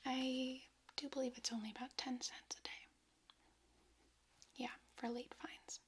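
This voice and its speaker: A woman speaking in a hushed library whisper, doing a whispered role-play as a friendly, chatty librarian. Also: high-pitched, flat delivery, unhurried. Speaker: ASMR performer playing a librarian. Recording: clear background noise, handling clicks.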